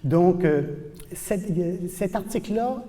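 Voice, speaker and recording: A man from New Brunswick, Canada, giving an animated, emphatic university lecture as a professor in a lecture hall. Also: high-pitched, slow. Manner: animated, emphatic explaining, repeats for stress. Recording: long hall reverb.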